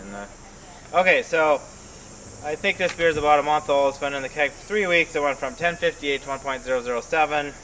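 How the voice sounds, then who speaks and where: A man's voice: a little high, brisk, bright, forceful tone, slight background noise. A man hosting a casual homebrewing vlog, rambling and thinking aloud with lots of fillers, recorded on a porch. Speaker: homebrewer host.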